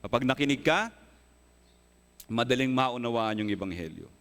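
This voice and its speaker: A male pastor preaching a sermon with earnest emphasis, often asking his congregation rhetorical questions and rising into emphatic high bursts. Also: animated, normal speed, a bit bright, clear, resonant tone. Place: church hall. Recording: long hall reverb.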